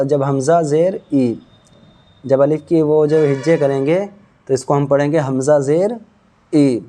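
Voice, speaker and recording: A man teaching Quran reading in a slow drill lesson, patiently spelling out letters and vowel marks syllable by syllable. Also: on the high side, dark tone.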